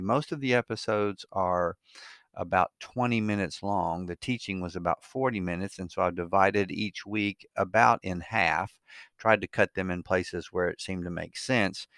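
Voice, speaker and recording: A man's voice: deep voice, fairly bright tone, no echo, studio quality. An older man hosting a podcast, introducing it casually in a reflective, conversational and slightly hesitant way. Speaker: podcast host.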